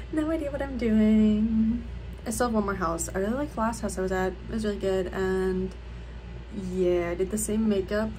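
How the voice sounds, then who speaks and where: Young woman, American accent, bubbly sorority-girl chatter, casual vlog, mid pitch, noisy phone recording. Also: a little mellow. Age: young adult, about 18 to 20. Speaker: college student vlogger. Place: dorm bathrooms and dorm rooms. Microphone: phone at arm's length. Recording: noisy phone audio with background hum.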